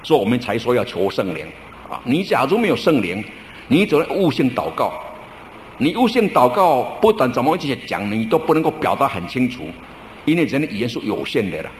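A man's voice: mid-range voice, big pitch swings, a little hiss or hum. Man preaching a folksy sermon. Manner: conversational storytelling preaching with drawn-out particles. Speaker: pastor. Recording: roomy church recording with faint ambience.

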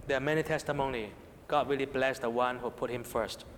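A man's voice: mid-range voice, fairly even intonation, brisk, fairly bright tone, a little hiss or hum. Hong Kong-accented male preacher in a reverberant hall. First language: Cantonese. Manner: rhetorical questions, repeated check-ins with listeners. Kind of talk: sermon to young people.

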